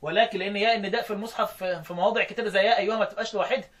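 A man with an Egyptian Arabic accent teaching Quran recitation rules, often questioning his students and chanting verses slowly. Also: high-pitched, fairly even intonation, a bit bright. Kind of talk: explaining recitation rules in a lesson.

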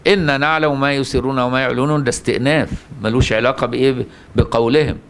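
A man's voice: medium pitch, steady tone, quick pace, a bit bright, clear, resonant tone. Egyptian man teaching a Quran lesson. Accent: Egyptian Arabic. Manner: asks the listener rhetorical questions and answers them. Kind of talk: religious lesson.

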